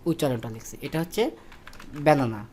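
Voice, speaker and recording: A man's voice: on the high side, fairly quick, a little hiss or hum. Tutorial voice-over: a man walking through spreadsheet steps, with fillers and self-corrections. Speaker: instructor. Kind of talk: screen-recorded spreadsheet tutorial.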